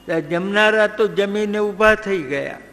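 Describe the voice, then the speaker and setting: A man telling a devotional story in a slow, measured way, breaking into song now and then. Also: high-pitched, a bit bright. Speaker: religious storyteller. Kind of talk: devotional storytelling with sung passages. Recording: long hall reverb.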